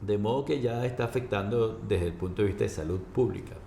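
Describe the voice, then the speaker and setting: Low-voiced male doctor in an echoey room. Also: gravelly, mellow. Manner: halting, explanatory, checks with "¿ok?". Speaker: doctor, interview guest. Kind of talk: informal medical explanation in an interview. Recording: roomy echo, faint background noise.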